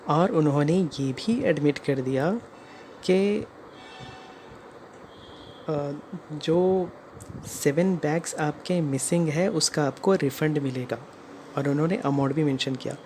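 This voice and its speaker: The speaker is an Indian video creator describing their own customer complaint in narration sprinkled with English phrases. They speak slowly and pause often, in a mid-range, darkish voice. Background noise is plainly heard.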